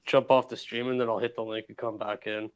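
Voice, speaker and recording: A man's voice: lowish voice, little pitch movement, fast, clean tone. A man chatting loosely as a guest on a casual stream. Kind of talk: casual chat on a live stream.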